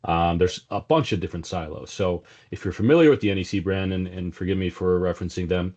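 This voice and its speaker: A middle-aged man originally from South Africa talks fast as a sales executive guest in an informal business interview, his conversational speech full of fillers and restarts. His voice sits low and is a little mellow, with a South African accent and faint Texas twang. The recording has a dull, lo-fi quality.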